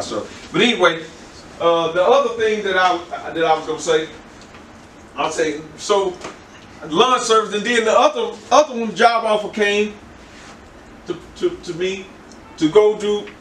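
A man's voice: fairly high pitch, a bit bright, recorded from a distance. Man, older, rambling sermon, roomy echo, faint background hiss. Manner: rambling, conversational preaching with repeated words and laughs. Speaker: pastor. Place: church. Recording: echoey room, from the mic.

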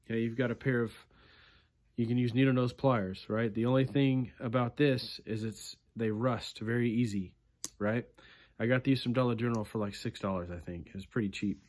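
A man in his thirties walks through his fishing tools in a laid-back, chatty way, close to a phone camera. He often tags his lines with "right?" and "okay". His voice sits at an ordinary middle pitch, and the small indoor room around him is quiet. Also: fairly even intonation, normal speed. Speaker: fishing channel host. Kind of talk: casual gear walkthrough.

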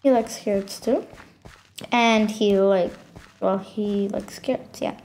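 A woman's voice: medium pitch, fairly even intonation, slow, a little mellow, slight background noise. A woman hosting a gaming channel, giving a casual tour of her game world and stopping often with fillers and self-corrections.

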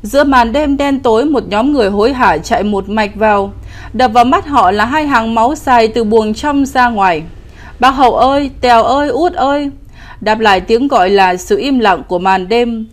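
A woman narrating a scripted ghost story in a steady, even storytelling delivery. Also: on the high side, normal speed.

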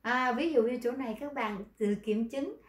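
A Vietnamese-speaking woman teaching Korean pronunciation in an online class, lively, explaining and then reading model sentences slowly. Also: a little high, reverberant.

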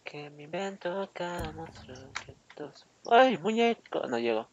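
A man's voice: fairly high pitch, very animated, unhurried, dull audio, a little hiss or hum. A man doing joking gameplay commentary as a streamer, his voice run through autotune that makes it sound robotic. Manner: playful, cursing, often laughing. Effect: autotune giving a robotic voice. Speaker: gaming streamer.

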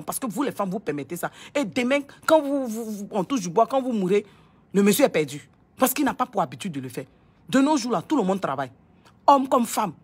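A woman's voice: medium pitch, a little mellow, husky. A young woman scolds her listeners in a casual, impassioned monologue, repeating herself and stammering over words. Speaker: online commentator.

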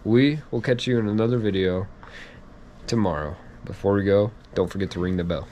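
A man's voice: on the low side, mellow, slight background noise. A man, a father vlogging casually from a car dealership and reading a daily devotional. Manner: easygoing, quick-talking, says y'all. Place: car dealership showroom, then home.

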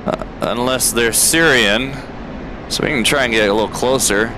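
A man's voice: mid-range voice, moderate pace. A man playing a flight simulator and giving casual commentary, thinking aloud and muttering key presses over an aircraft engine drone. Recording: steady aircraft cockpit noise behind. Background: game aircraft engine drone.

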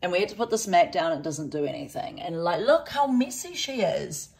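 A woman's voice: fairly low pitch, sing-song, brisk, creaky, a little mellow. A woman vlogging casually at home, filming on a handheld camera and chatting with filler words and baby-talk to her cats. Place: home, indoors. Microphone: handheld camera and phone.

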